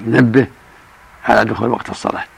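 Gravelly older man giving religious rulings. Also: on the low side, fairly even intonation. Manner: measured, explanatory, chants call-to-prayer examples. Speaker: religious scholar answering questions. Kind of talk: fatwa question-and-answer.

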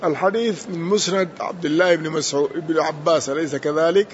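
Male sheikh, measured teacher's delivery, slightly high voice, muffled lo-fi recording. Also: fairly even intonation. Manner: slow, deliberate, corrects the reader. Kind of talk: explaining a text to a student. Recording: dull lo-fi sound with faint noise.

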